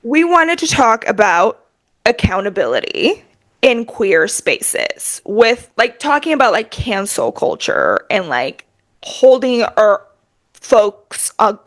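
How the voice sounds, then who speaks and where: A woman co-hosting a podcast in casual, animated chat, using a lot of filler words. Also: on the high side, takes it slowly. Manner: animated, chatty, heavy use of filler words. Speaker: podcast co-host.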